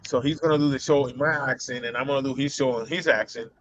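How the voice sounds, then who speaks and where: A man's voice: mid-range voice, fast talker, dull audio, slight background noise. A man with a Boston accent hosting a casual live show, rambling with many fillers and laughing often. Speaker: host.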